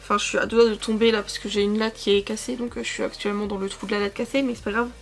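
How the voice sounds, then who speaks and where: A woman's voice: medium pitch, little pitch movement, rapid-fire, creaky, soft background music. A woman in her twenties chatting casually about makeup from her couch at home, rambling and correcting herself with lots of fillers. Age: 20s. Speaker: beauty vlogger.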